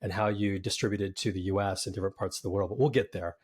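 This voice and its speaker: Interviewing a founder on his startup podcast, this host starts with an upbeat scripted intro and then turns conversational. His husky, low-pitched voice moves at a quick pace with fairly even intonation.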